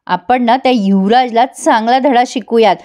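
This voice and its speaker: Chatty woman recap narrator, high voice, talks to viewers. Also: moderate pace, a little mellow. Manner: chatty, addresses viewers directly. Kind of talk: casual storytelling recap.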